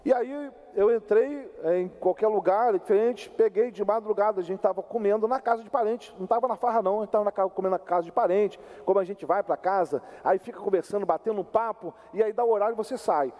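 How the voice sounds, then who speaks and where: An older man preaching a sermon as pastor, telling a personal story in an animated, conversational way and speaking straight to the congregation. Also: high voice, fast talker, lo-fi sound. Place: church sanctuary. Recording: long church hall reverb.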